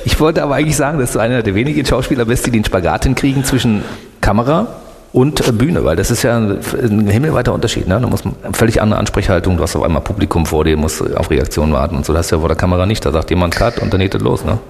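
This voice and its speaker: A man's voice: on the low side, lively intonation, very fast, creaky, a little mellow, long reverb tail. A man from East Berlin with a Berlin accent, hosting a late-night radio talk show in a casual, chummy way. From East Berlin, Germany.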